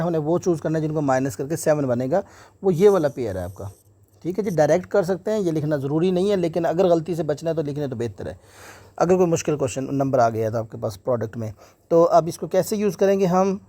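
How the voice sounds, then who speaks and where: A man's voice: a little high, warm tone, no echo. A man teaching an exam maths lesson step by step, mixing English terms into Hindi and often saying "theek hai ji". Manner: slows right down when dictating English steps.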